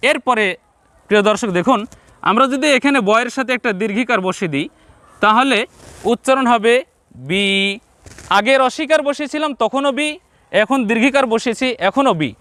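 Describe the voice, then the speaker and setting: Male teacher with a Bangladeshi Bengali accent, high-pitched, dry close recording, patient and repetitive, talks straight to viewers. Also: sharp tone, no echo. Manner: repeats each point slowly, addresses viewers directly. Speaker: Quran teacher. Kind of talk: step-by-step reading lesson.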